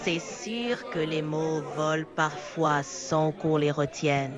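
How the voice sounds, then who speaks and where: An AI assistant voice speaking as a podcast guest, slow and accommodating. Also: medium pitch, lo-fi sound, a crowd in the background. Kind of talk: synthesized assistant speech. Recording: music playing underneath.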